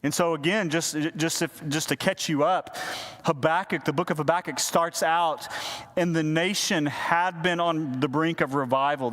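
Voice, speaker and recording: Folksy pastor telling a childhood story. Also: male voice, fairly high pitch. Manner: folksy, animated storytelling with frequent restarts. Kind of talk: storytelling sermon.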